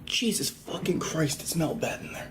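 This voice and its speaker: A man's voice: a little high, lively intonation, moderate pace, whispered. A young man playing a jumpy, swearing student explorer in found footage horror, muttering and exclaiming breathily, recorded at a distance. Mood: disgusted. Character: young male student urban explorer, jumpy and foul-mouthed. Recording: echoey, noisy handheld camera footage, distant.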